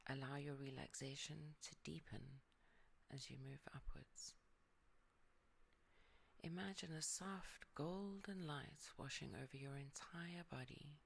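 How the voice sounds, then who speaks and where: Slow, creaky, and mid-range, this voice guides a peaceful yoga nidra relaxation, staying soft and often fading to a whisper. A faint hiss or hum sits under the recording.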